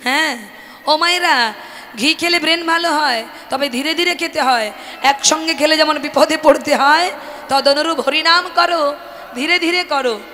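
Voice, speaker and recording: High bright-voiced woman preaching kirtan. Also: moderate pace. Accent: Bengali. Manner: addresses the women in the audience as mothers, joking and coaxing. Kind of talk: devotional kirtan sermon with call-and-response chanting. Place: open-air temple courtyard with a crowd. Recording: distant mic with long reverb and music.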